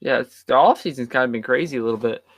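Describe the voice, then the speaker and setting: A tired man chatting casually as a podcast co-host, drifting from point to point with a middle-pitched voice. The sound is close and dry. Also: quick pace, dry recording. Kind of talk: casual chat.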